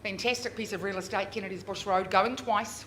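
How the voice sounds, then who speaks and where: A woman working as a real estate auctioneer, calling bids live with drawn-out repeated figures and chatty coaxing of bidders. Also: mid-range voice, steady tone, a bit bright. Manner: drawn-out, repeated bid calls. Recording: noisy live auction room.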